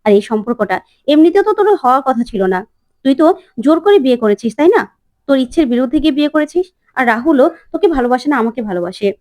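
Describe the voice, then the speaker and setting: A woman's voice: high voice, expressive, racing, a little mellow, dry recording. A woman voicing a scheming, jealous young woman who speaks in a whiny, defiant way. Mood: sulky.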